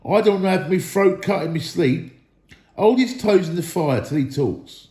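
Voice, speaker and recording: A man voicing a rough, dim, quarrelsome troll in a storybook reading, with coarse working-class slang. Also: sits high, animated, moderate pace, a little mellow, echoey room, pitched above the performer's own voice.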